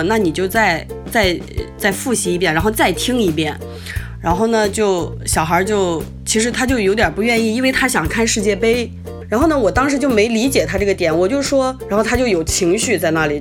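Chatty woman telling a parenting story. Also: medium pitch. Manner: chatty, many fillers and self-quotes. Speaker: mother sharing parenting experience. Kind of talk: casual storytelling.

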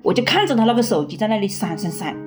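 A woman in her fifties recounting her own life in a casual, halting way, often repeating words as she speaks. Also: mid-range voice, very animated, a little mellow. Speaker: interviewee, mother. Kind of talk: casual personal recollection.

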